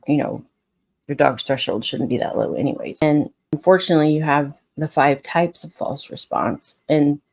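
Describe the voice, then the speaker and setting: Woman dog trainer, raspy-edged fry, dry close mic; blunt, frustrated, restarts a lot. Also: low-pitched, darkish tone, dry recording. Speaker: scent work dog trainer. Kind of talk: casual unscripted talk to camera.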